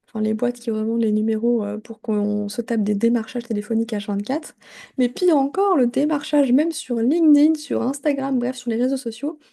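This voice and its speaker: A middle-aged woman hosts a solo podcast in a chatty, animated way, dropping asides and fillers as she goes. Her voice sits fairly high with a very dark, mellow tone. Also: creaky. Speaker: podcast host. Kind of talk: casual solo podcast talk.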